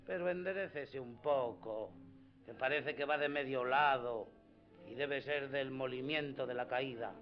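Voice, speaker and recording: An actor playing Sancho Panza, a simple, loyal, anxious peasant squire, with homely, deferential speech in a radio play. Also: male voice, mid-range voice, unhurried, close to an everyday voice. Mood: humouring, concerned. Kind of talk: radio theatre acting. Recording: dull lo-fi radio drama with music.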